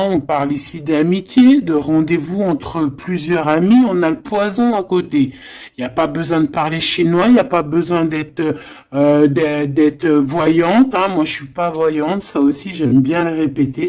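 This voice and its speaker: Slow, chatty tarot-reading woman. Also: fairly low pitch, darkish tone. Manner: unhurried, chatty, many hesitations, emphatic asides. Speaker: tarot reader. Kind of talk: tarot card reading video.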